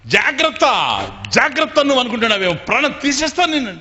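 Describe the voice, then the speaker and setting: A man voicing a hot-tempered husband who bursts into loud shouts. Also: mid-range voice, big pitch swings, moderate pace, in a large hall, muffled recording, soft background music. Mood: angry shouting.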